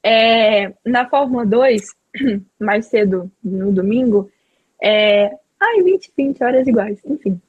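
Woman hosting, high voice, rambly and excited, dry close mic. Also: takes it slowly, slightly rough, dry recording, phone-quality sound. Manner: rambling, filler-heavy, enthusiastic. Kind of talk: casual chat.

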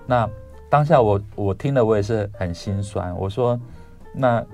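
A man tells a counseling story earnestly, acting out the people's words as he goes. Faint guitar music plays softly behind him. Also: lowish voice, normal speed. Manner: earnest, retells dialogue with many quotes. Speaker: psychologist guest. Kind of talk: storytelling on a radio talk show.

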